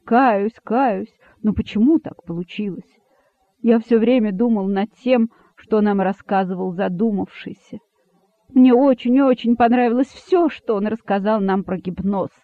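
A man's voice: high voice, measured pace, no room sound. A man voicing a frightened male rabbit herald who pleads and repents, on a dry, phone-like recording. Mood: pleading. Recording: dry, phone-like narrow sound.

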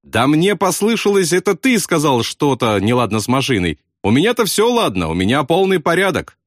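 A man voicing a jovial, excitable young male pilot who shouts in a high, shrill voice. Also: fairly quick, no echo, clean studio sound. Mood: nervous.

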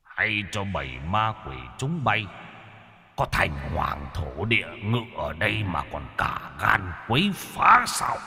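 A man's voice: on the low side, very animated, takes it slowly, gravelly, sharp tone, long reverb tail, exaggerated voice. A man voicing an elderly village sorcerer who rebukes evil spirits in a stern, commanding tone.

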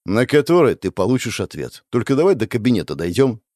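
A man's voice: mid-range voice, big pitch swings, brisk, darkish tone, no room sound, lightly acted. A man voicing a burly, scarred bald doctor who speaks bluntly and dryly. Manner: blunt, dry, matter-of-fact.

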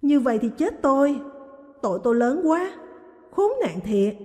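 A woman's voice: high-pitched, big pitch swings, normal speed, mellow, pitched above the performer's own voice. A woman voicing a frightened young maid who pleads through tears. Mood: distraught. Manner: pleading, tearful. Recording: long reverb.

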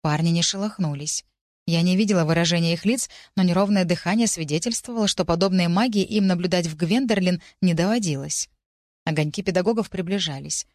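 A woman giving a steady, expressive first-person narration of a fantasy audiobook. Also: fairly low pitch, brisk, no echo, clean studio sound.

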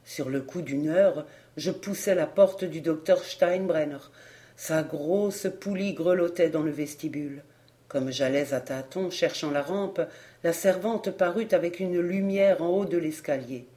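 A reader narrating a nineteenth-century novel in a measured, solemn way, as an audiobook. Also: medium pitch, dark tone.

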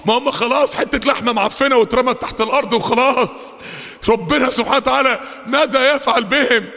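A fiery Egyptian man delivers a Friday sermon in a high, bright voice with a gravelly edge. He races through asides, then stretches out verses in a shouting chant. His voice rings with the long reverb of a big hall. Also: fast talker. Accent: Egyptian Arabic. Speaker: preacher.

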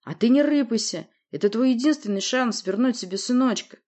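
A woman doing a shrill, greedy fat prince. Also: a little fast, close to an everyday voice. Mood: demanding. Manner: shrill, yelling demands. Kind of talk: audiobook character voice.

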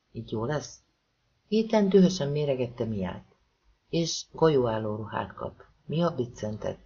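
A man narrating a thriller novel as an audiobook, reading calmly and evenly and giving the characters soft voices. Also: mid-range voice, breathy edge. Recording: dull lo-fi audiobook recording.

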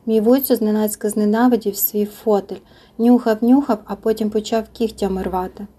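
A fretful, suspicious old mother-in-law from an audiobook, as a woman reads her part. She complains in a dark, mellow tone with a husky edge. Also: medium pitch, steady tone, moderate pace, close to an everyday voice.

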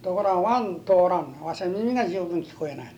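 A man's voice: sits high, expressive, fast talker, dark tone, highs cut off, slight background noise. An elderly man from Japan with a western Japanese accent, telling his life story as an interviewee in a folksy way, often repeating himself. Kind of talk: oral history reminiscence.

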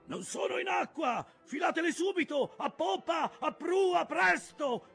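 A man voicing an alarmed ship's first mate, shouting orders urgently in an audiobook. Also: extremely high pitch, animated, measured pace, gravelly, faint music behind, voice pushed up, full character voice. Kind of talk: audiobook character voice.

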